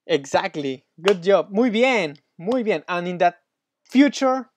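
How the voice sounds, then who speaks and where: A man's voice: high-pitched, expressive, a little slow, a little hiss or hum. A man tutoring Spanish one-on-one, patient and encouraging, praising often, with slightly non-native English phrasing. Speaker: Spanish teacher.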